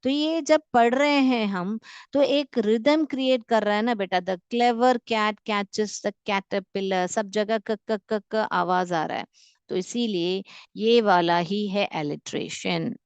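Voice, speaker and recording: Slow, clear-voiced woman teacher. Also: mid-range voice, no echo. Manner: patient, repeats sounds, calls students "beta". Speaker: school English teacher. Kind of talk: classroom lesson explaining quiz questions.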